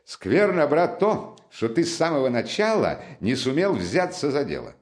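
A man doing an excitable, chatty young fellow. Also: mid-range voice, normal speed, voice pushed up, close to an everyday voice. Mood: excited. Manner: animated, chatty, teasing. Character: excitable talkative young man, friendly, boastful. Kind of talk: audiobook character reading.

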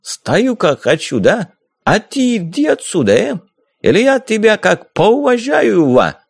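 A man's voice: sits high, wildly swooping pitch, measured pace, no room sound, clean studio sound, pitched above the performer's own voice, full character voice. A man voicing a hairy, hook-nosed male corsair who talks in a guttural, broken, bullying way in an audiobook. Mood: blustering.

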